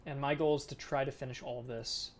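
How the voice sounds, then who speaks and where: Relaxed man chatting on a dev stream. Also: mid-range voice, a little fast. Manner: relaxed, thinking aloud, chatting with viewers. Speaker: game developer streaming. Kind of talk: casual live-stream chat while working.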